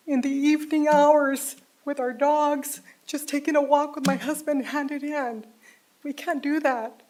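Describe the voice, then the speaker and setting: Older woman, high voice, emotional and deliberate resident comment at a council podium. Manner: heartfelt, pleading, slow and deliberate. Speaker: resident giving public comment. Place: city council chamber.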